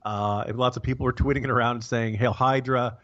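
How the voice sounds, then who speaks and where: An American man giving casual, wry political commentary as a podcast co-host, halting and rambling with a sarcastic bent. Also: mid-range voice, fairly even intonation, fairly bright tone, lo-fi sound.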